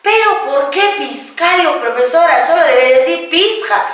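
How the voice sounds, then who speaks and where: A woman teaching Quechua numbers, patiently asking and answering her own questions and drawing the words out slowly. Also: high-pitched, animated, fairly bright tone. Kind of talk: classroom-style language lesson, question and answer. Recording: echoey room, voice from a distance.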